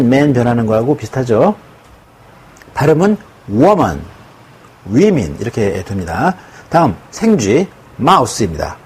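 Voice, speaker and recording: Husky man teaching in a lively voice. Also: mid-range voice. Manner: slow, drawn-out model pronunciation of English words. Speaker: English grammar teacher. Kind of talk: recorded video lecture.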